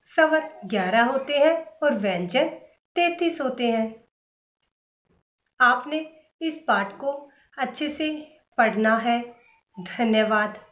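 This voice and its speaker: A woman with a slightly high voice teaches a grammar lesson at a very slow, careful pace. She breaks words into single sounds and asks the viewer questions before answering them herself. The recording is a little dull and lo-fi. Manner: slow and deliberate, spells sounds out one by one.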